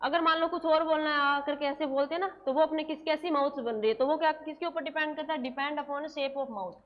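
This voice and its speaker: Woman teacher, high voice, repetitive question-and-answer drilling, slow dictation; slightly dull recording. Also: steady tone. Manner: slows right down to dictate English terms word by word. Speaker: nursing exam coaching teacher. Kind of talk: classroom lecture, dictating notes.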